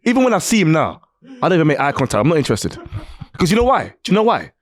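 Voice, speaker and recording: A man's voice: a little high, huge pitch swings, racing, dry recording. Teasing man co-host, dry close sound. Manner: playful, teasing, slangy. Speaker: podcast co-host. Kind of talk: casual podcast banter.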